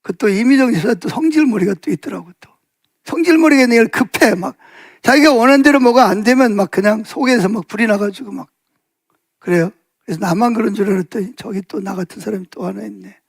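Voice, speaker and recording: A male pastor giving a Sunday afternoon sermon in a conversational storytelling way, full of fillers and asides, raising his pitch to act out quoted speech. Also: fairly quick, gravelly, slightly rough, dry recording, clean studio sound. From South Korea.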